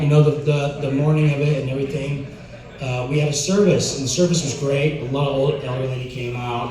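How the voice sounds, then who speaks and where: Echoey, hesitant man doing amateur stand-up. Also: mid-range voice. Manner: hesitant, with stammered repeats and filler-laden stalling; casual, profane, slangy. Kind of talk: stand-up comedy at an open mic. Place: indoor open mic venue. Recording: very echoey room, distant mic.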